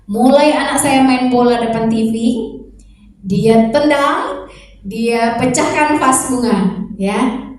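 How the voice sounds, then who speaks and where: A woman teacher and mother calmly explaining a classroom lesson, posing many rhetorical questions. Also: on the high side, slow, pauses often. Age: adult mother. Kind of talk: sharing a lesson reflection. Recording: echoey room, voice far from mic.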